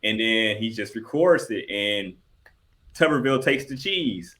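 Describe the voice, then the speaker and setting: A man's voice: fairly low pitch, expressive, unhurried, pushed and bright. Rambling male sports publisher guest. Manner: loose, rambling storyteller. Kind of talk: casual sports interview.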